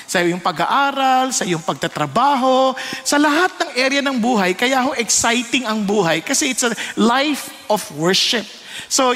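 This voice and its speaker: A Filipino man preaching a sermon as pastor, animated, switching between Tagalog and English and acting out the voices of the people in his stories. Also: extremely high pitch. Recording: long hall reverb.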